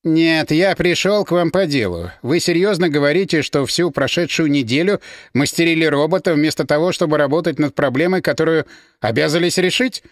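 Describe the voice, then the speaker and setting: A man's voice: fairly high pitch, a little fast, dry recording, clean studio sound, lightly acted. A man voicing an irritated, impatient male television company owner with an angry manner.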